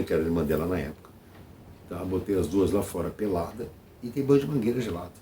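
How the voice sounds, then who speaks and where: A fairly low-pitched, dark-toned male voice comes through with a bit of hiss or hum. He's a channel host with a Brazilian Portuguese accent delivering a casual vlog monologue. He keeps it conversational, repeating phrases and checking in with his audience.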